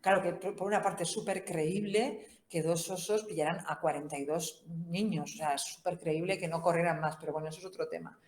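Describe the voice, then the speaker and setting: A woman's voice: lowish voice, steady tone, a little fast, hardly any pauses, darkish tone. A woman with a Spain Spanish accent giving an informal Bible course talk, conversational and humorous, often tagging her sentences with questions. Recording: roomy echo.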